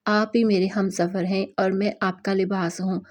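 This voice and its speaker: A woman voicing a playful, chatty young bride who teases her new husband, lifting her voice higher and louder than her narration. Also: lightly acted. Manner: teasing and lively, turning pleading.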